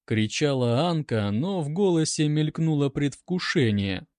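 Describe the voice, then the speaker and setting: A man narrating a story in a theatrical, unhurried reading. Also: fairly high pitch, animated, a little mellow, no room sound, studio quality.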